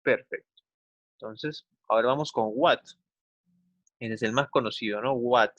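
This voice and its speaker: A man's voice: medium pitch, fairly bright tone, no echo, lo-fi sound. A young adult man with a Peruvian Spanish accent teaching a recorded English class for schoolchildren, patient, repeating words and checking in with the class. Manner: patient, explains slowly, repeats words, often says "entonces" and "¿no?". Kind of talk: recorded online class for children.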